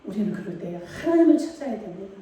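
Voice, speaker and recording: This woman delivers a church sermon with emphasis, putting rhetorical questions to the people in the sanctuary. She has a warm, sing-song, medium-pitched voice and a quick pace. The hall is echoey and the microphone is distant.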